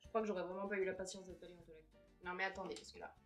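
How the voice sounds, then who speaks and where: A woman's voice: fairly low pitch, level tone, rapid-fire, faint music behind. A young woman vlogging casually at home, chatty and self-mocking, who swears when frustrated. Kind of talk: casual vlog chat. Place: apartment room, indoors.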